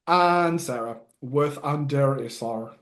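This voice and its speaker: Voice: medium pitch, takes it slowly. A host running a casual panel guessing game, joking, giggling and stammering as they think aloud.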